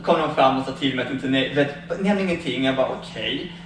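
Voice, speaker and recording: A man's voice: medium pitch, fairly bright tone. A man telling funny stories to a fair audience in a chatty, laughing way, acting out quoted conversations. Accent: Swedish. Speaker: vegan cookbook author giving a talk. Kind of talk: casual storytelling talk at a fair. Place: large echoey fair hall. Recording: very echoey hall, distant mic, audible noise.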